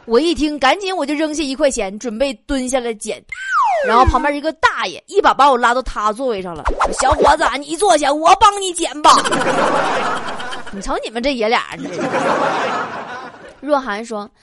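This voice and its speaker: A high-voiced woman reads listener jokes aloud and keeps cutting in with her own remarks. Her pitch swings all over, and she laughs as she acts out each quoted line. Steady hiss sits under the recording. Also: moderate pace. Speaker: host. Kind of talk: reading out listener jokes with comic commentary.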